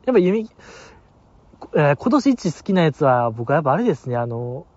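A man's voice: on the high side, very animated, fairly quick, darkish tone, no room sound. A man with a Kansai accent hosting a casual solo talk show, rambling and chuckling through listener mail. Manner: rambling, chuckling, many fillers. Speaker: radio host reading listener mail. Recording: dull lo-fi dry recording.

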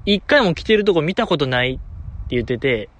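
A man's voice: fairly high pitch, sing-song, a little fast, a bit bright. A man with a Kansai accent hosting a solo talk show, chatting with enthusiastic, chuckling fan banter. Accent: Kansai Japanese. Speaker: podcast host.

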